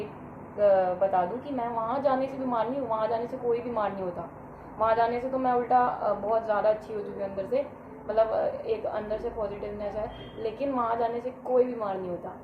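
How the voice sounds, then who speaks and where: A woman's voice: a little high, a little fast. A sick woman with a fever, chatting casually to the camera at home and addressing her viewers directly. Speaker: vlogger. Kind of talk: casual vlog chat to camera. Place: at home, indoors. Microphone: camera set in front of her. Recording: echoey room, dull and noisy.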